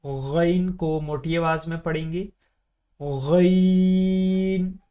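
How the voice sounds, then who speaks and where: A male Quran reading teacher works through the Arabic alphabet for beginners in a steady, fairly flat voice. He holds each letter name long and slow, then explains quickly how it should sound. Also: fairly high pitch. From Pakistan. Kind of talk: recorded lesson for beginners.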